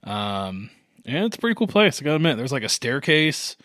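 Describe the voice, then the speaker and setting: A man's voice: medium pitch, big pitch swings, brisk, a bit bright, dry recording, clean studio sound. A man hosting a tabletop game podcast, chatting casually with his group in a rented cabin. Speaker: podcast host and game master.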